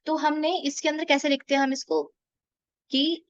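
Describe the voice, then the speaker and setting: A woman teaching a beginner language lesson, explaining patiently and repeating words slowly and drawn out. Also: sits high, fairly even intonation, dry recording. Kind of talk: explaining a beginner lesson in Hindi-English mix.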